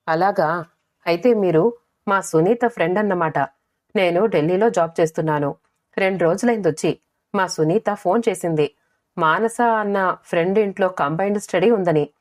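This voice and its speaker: A man's voice: high voice, normal speed, long pauses, lightly acted. A woman narrator voicing a polite young man, a caring older brother, speaking in a courteous and eager way.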